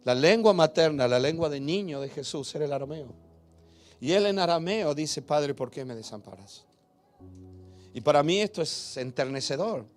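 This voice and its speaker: A male preacher with a fairly high voice delivers a fervent sermon, swinging from loud, driving emphasis down to hushed asides. He speaks straight to the congregation with questions, and soft music sits faintly in the background. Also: expressive, normal speed. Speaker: pastor.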